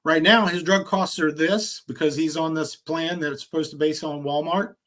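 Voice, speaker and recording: A man demonstrating insurance quoting software on a screen share, talking in an energetic, salesy way with quick asides. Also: fairly high pitch. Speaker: insurance agent trainer.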